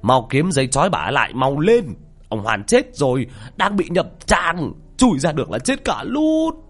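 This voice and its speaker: A man voicing a gruff older village man who barks orders in a panic. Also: a little high, huge pitch swings, moderate pace, faint music behind, pitched above the performer's own voice, heavily acted. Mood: commanding. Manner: barking orders, shouting.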